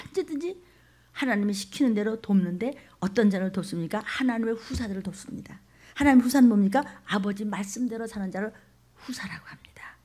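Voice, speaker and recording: A woman pastor preaching a fervent sermon, shifting between shouted exhortations and hushed near-whispers. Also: medium pitch. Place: church.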